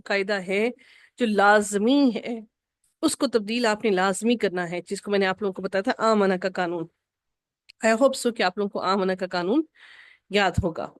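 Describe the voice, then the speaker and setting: A woman teaching an Arabic grammar lesson, patiently repeating each rule slowly for her students. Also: on the high side, no echo.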